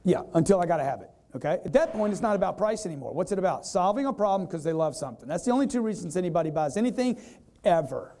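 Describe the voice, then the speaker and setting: A man giving an energetic live sales seminar, quizzing the audience and acting out customers in quoted voices. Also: high voice, quick pace. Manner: energetic, repetitive, keeps quizzing the crowd. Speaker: sales trainer.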